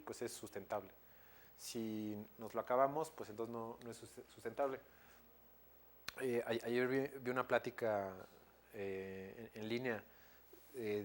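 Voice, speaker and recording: Delivering an academic lecture in a Mexican Spanish accent, this thirtysomething man speaks in a mid-range voice, hesitating, restarting and using many fillers and tag questions. There is slight background noise.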